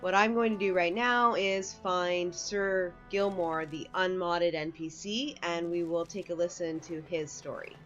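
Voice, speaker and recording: A woman with a fairly low, steady voice talks a little slowly but with hardly any pauses, her tone fairly bright though the recording's highs are cut off. She's hosting a casual, conversational video game walkthrough, explaining as she goes. Game music plays behind her.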